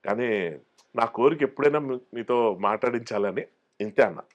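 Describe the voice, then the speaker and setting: Male actor, guest in a casual interview; lively storyteller who acts out the quotes. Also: mid-range voice, normal speed, muffled recording. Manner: animated storyteller acting out quoted voices.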